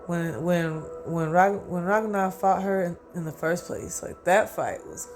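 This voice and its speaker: A man hosting his own channel, rambling through a casual, profane, excitable recap of an anime and often acting out his own reactions. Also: sits high, unhurried, music in the background. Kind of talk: casual solo anime commentary.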